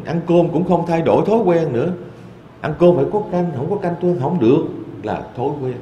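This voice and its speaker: A man, a Buddhist monk, giving a dharma talk in a temple hall with lively storytelling. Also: fairly high pitch, lo-fi sound, slight background noise. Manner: lively storytelling, quoting voices in asides.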